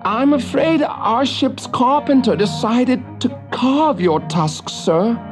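A man's voice: very high-pitched, expressive, slow pace, music in the background, voice pushed up, exaggerated voice. A man voicing a nervous young Viking captain who speaks hurriedly and tries to please.

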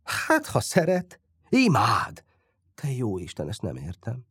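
Man reading a weak, sickly teen boy, soft and wry; storybook audiobook. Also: mid-range voice, huge pitch swings, breathy edge, no echo, clean studio sound, exaggerated voice. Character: sickly teenage boy recovering, wry and sentimental.

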